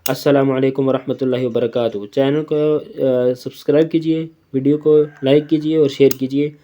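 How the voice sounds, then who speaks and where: A man teaching children to read the Quran, spelling out letters, drawing out syllables slowly and checking in often with a patient question. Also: mid-range voice, level tone, dark tone. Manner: patient, repeats "okay?" often, drawls syllables when reciting. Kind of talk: slow recitation lesson for children.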